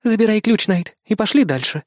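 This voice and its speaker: A man's voice: high-pitched, expressive, brisk, dry recording, clean studio sound, voice pushed up. Man doing a cold, pushy young woman. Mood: urgent insistent. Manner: urgent, insistent, commanding. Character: cold, pragmatic young woman, a ruthless race partner.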